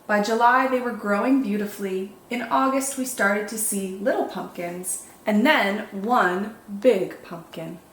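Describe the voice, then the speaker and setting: In an echoey room with a little background noise, a woman with a mid-range, slightly bright voice reads a picture book to young children. As a storytime host, she reads expressively and deliberately, drawing words out for dramatic effect.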